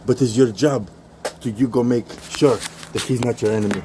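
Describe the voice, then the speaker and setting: A man's voice: mid-range voice, steady tone, normal speed, background noise, lightly acted. A man voicing a stern older foreign father.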